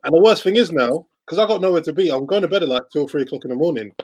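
A young man with an urban London roadman accent, hosting a casual podcast in an animated, slangy way. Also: on the high side, racing, a crowd in the background. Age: young adult. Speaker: podcast host. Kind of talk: casual group banter and hosting. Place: indoors at home, on a laptop video call.

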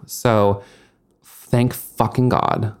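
A man's voice: fairly low pitch, flat delivery, extremely slow, a little mellow, smooth. A young man hosting a podcast, telling a long story in casual chat with lots of "like" and swearing. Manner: rambling, frequent likes and swearing. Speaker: podcast host.

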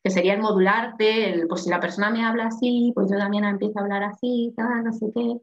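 A woman with a strong, loud voice, thinking aloud expressively in a casual group discussion. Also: mid-range voice, steady tone, fast talker. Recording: echoey, dull lo-fi sound.

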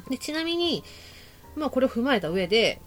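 A woman's voice: high-pitched, sing-song, brisk, fairly bright tone, faint music behind. A woman co-hosting a casual radio talk show, laughing often and reading out rankings.

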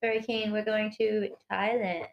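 A woman's voice: mid-range voice, level tone, moderate pace, dull audio, a little hiss or hum. A woman co-hosting a podcast, chatting playfully and laughing along. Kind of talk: casual chat.

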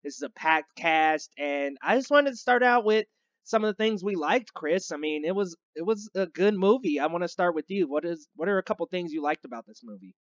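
A man hosting a casual movie review chat, with a relaxed, laid-back delivery. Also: high voice, a little fast, no room sound, dull audio. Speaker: film review show host.

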